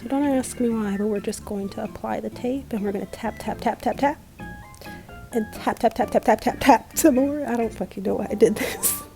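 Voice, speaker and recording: A woman's voice: a little high, normal speed, vocal fry, rough recording. A woman giving a casual makeup tutorial in a giggly, tipsy, rambling way, with slangy, sweary, self-mocking talk. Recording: music playing behind the voice.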